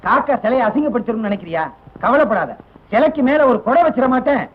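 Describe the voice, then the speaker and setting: A brisk, joking older relative. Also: male voice, very high voice, animated, breathy edge, full character voice. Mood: jovial. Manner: fast, jovial and teasing. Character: brisk older male relative arranging a wedding. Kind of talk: 1980s film dialogue. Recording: tinny, narrow old film soundtrack.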